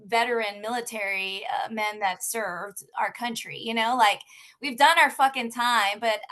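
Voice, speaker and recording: A woman from San Antonio, a guest musician talking candidly in an interview, swearing freely and filling pauses with "uh" and "you know". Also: a little high, fairly even intonation, pushed and bright. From San Antonio, Texas. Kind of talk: casual interview talk.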